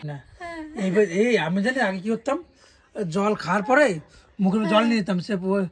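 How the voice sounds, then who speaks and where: A woman's voice: medium pitch, moderate pace. A woman chatting casually and teasingly with viewers in a playful, giggly way during a food challenge. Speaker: vlogger doing a spicy noodle challenge. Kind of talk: casual chat and banter to viewers. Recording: clearly noisy background with clicks.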